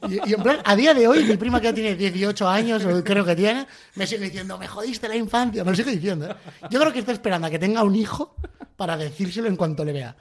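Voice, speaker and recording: A young man from the Basque Country, co-hosting a comedy podcast and telling stories in animated chat, acting out the voices of others. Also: sits high, fast talker. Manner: animated storyteller, acts out voices.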